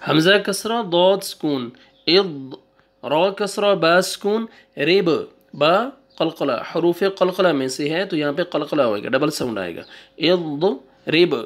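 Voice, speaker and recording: Man spelling out syllables, slow. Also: fairly high pitch. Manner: slow drawn-out recitation, then quick asides. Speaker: Quran teacher. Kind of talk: spelling out syllables in a reading lesson.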